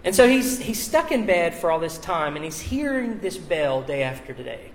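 Male preacher, somewhat high voice, informal explanatory sermon delivery with asides, recorded live with some background noise. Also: sing-song, normal speed. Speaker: pastor preaching. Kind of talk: conversational sermon. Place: live church service.

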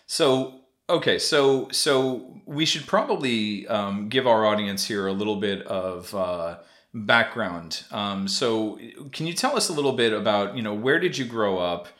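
A man's voice: on the low side, animated, measured pace, fairly bright tone. A man hosting a casual podcast interview, rambling through his questions with many restarts and easy laughter. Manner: rambling, full of fillers and restarts, laughs easily. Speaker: podcast host.

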